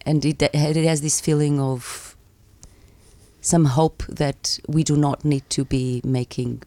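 A young woman from Portugal, a community radio presenter speaking as a guest in a thoughtful, measured way with small pauses. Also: deep voice, steady tone, mellow, dry recording. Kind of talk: radio interview. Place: radio studio.

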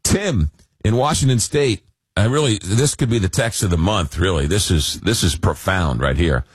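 A man with a deep, expressive, slightly rough voice hosts a late-night call-in radio show at a moderate pace while battling a cold that's taking his voice. His talk is rambling and casual, packed with fillers and dry jokes, and there's no room sound.

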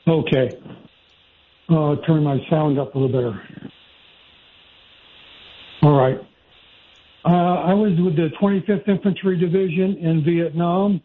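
Older man calling in over a tinny phone line. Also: sits high. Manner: measured, recounts dates and numbers methodically. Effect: heard over a phone line. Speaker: caller, former military. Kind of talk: call-in radio talk.

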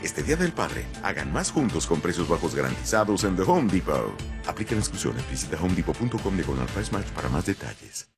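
A man reading a scripted radio ad with an animated sales pitch. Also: a little fast, hardly any pauses, over music. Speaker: ad announcer. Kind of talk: scripted ad read.

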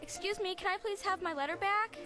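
Anxious, high-voiced young girl. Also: a little fast, music in the background. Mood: panicked. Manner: nervous, pleading. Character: anxious, insecure young girl, earnest and flustered. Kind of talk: family radio drama acting.

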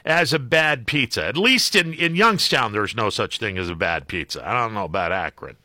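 The American host of a radio call-in show talks at normal speed in a fairly low, animated, sharp-toned voice, captured clean and dry on a close studio mic. Wry and hesitant, he keeps things conversational through his monologue and chats with callers.

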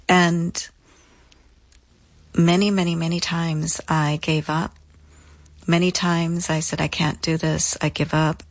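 A woman being interviewed recounts her personal story, her voice slightly low. Her delivery is thoughtful and measured, relying on repetition to stress points, and the audio is close and dry.

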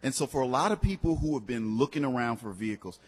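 A man hosts live promotional radio for a car dealership, pitching in a conversational, encouraging way. His medium-pitched voice is husky and expressive, and he talks fast. The recording has a long, hall-like reverb.

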